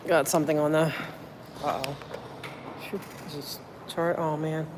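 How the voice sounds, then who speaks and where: A woman with a deep, fairly even voice talks a little slowly on a noisy phone livestream from a public building's hallways and elevators. Filming city meetings, she keeps up rambling, casual chat, thinking out loud and thanking viewers.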